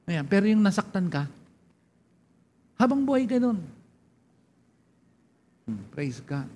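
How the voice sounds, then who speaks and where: Emphatic Filipino pastor, fairly high voice. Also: male voice. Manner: emphatic preaching, repeats key lines, loud scripture reading; frequent murmured "praise God" interjections. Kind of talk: sermon.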